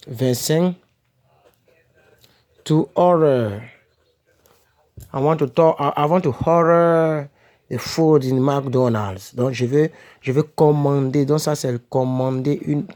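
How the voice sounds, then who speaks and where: Slow and dark-toned, this medium-pitched male voice leaves long pauses. He's teaching English vocabulary to French speakers in a casual home-made lesson, repeating words, correcting himself as he goes, and checking in with "ok?" and "n'est-ce pas?".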